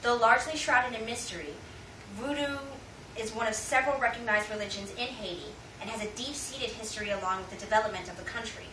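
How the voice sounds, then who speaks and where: Fast and fairly high-pitched, this American woman rushes through a prepared informative speech, keeping a formal, rhetorical presenting style. She is addressing an audience in an indoor room, and the distant recording is echoey and very noisy.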